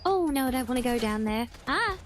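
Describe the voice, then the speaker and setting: Girl streamer, high voice, chatty rambling game commentary, faint music. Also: animated, quick pace, darkish tone. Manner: chatty, rambling, thinking aloud. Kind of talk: casual gameplay commentary.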